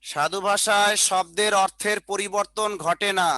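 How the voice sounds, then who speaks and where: Guy teaching a class on a video call, high bright voice, keeps repeating the points to write down. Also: steady tone, normal speed, dry recording. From Bangladesh. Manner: dictating notes, repeating points; colloquial, joking asides. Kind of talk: online class lecture.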